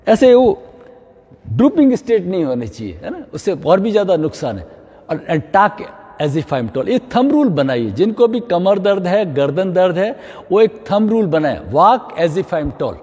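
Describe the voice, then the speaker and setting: Animated yoga teacher in a reverberant hall. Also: male voice, sits high, normal speed. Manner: mixes English phrases into Hindi, frequent "है ना?" check-ins. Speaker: yoga instructor. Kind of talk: guided yoga class instruction.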